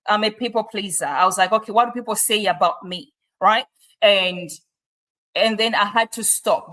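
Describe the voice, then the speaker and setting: Bright-voiced Malawian woman telling her story. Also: medium pitch. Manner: earnest storytelling with rhetorical questions. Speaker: guest. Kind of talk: personal story on a talk show. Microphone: video call.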